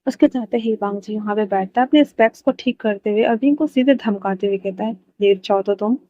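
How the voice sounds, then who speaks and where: A woman's voice: a little high, fairly quick, dry recording, muffled recording. A woman casually narrating a fan-fiction story in a chatty way, mixing in English words.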